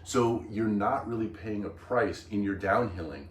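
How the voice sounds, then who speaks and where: A man's voice: on the low side, unhurried, distant mic. A man hosting a vlog, explaining things in casual chat with an enthusiastic, emphatic manner. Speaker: vlog host. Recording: roomy echo.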